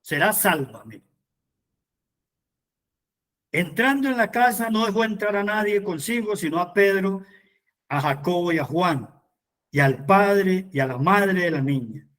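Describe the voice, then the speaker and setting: A man leads a Bible study as its preacher. His voice sits high for a man. He moves between reading scripture aloud and fervent appeals to the people listening. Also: animated, normal speed, fairly bright tone.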